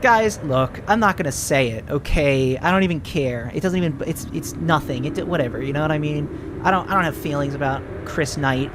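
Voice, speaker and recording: Excitable man streaming a game. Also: fairly high pitch, fairly quick, noisy background. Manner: excitable, rambling, exclaims often. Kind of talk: live gameplay commentary.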